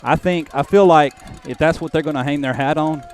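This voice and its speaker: A man working as play-by-play announcer, briskly calling a live football game at an outdoor stadium. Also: a little high. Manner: brisk, calls plays as they happen.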